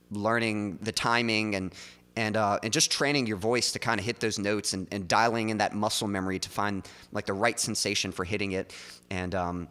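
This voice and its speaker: A male songwriter livestreams a casual chat into a studio mic positioned in front of his mouth, loose and talkative with lots of "like" and "um." His voice is on the low side, sharp and clean in tone, with a big-room sound.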